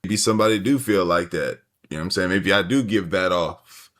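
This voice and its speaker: A man's voice: sits low, fairly quick, a bit bright. A man streaming and reacting to a video, talking in a loose, rambling, slang-heavy casual way. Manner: slangy, loose and rambling, lots of "you feel me". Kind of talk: casual chat.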